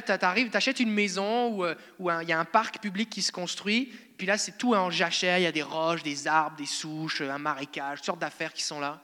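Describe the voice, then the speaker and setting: A man's voice: sits high, bright, forceful tone. A male pastor with a French accent preaching a conversational, playful sermon to his congregation in a church hall. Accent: French (France).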